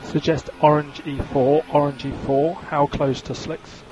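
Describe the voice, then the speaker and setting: Over a very noisy team radio crackling with engine and vehicle noise, a male race engineer speaks in a fairly high, level voice at a slightly slow pace. His instructions are clipped and businesslike, and he repeats key calls.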